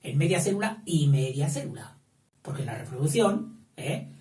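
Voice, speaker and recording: A man's voice: fairly high pitch, very animated, normal speed, dark tone. A man teaching a school lesson, drifting into digressions, correcting himself, and often checking in with a questioning "eh?". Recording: roomy, distant mic, faint background noise.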